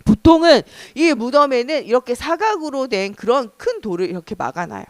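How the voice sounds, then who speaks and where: A woman pastor telling a Bible story at a children's service, animated and asking the children questions. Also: high voice, a little fast, no room sound, clean studio sound. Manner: animated, asks children questions, gasps for drama. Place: church.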